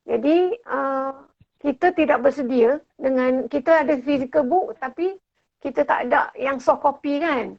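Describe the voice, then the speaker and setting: A woman in her fifties, a university professor, speaking as a guest on a live-stream interview over a video call. She talks softly and hesitantly, with many pauses. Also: sits high, no echo, dull audio. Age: 50s.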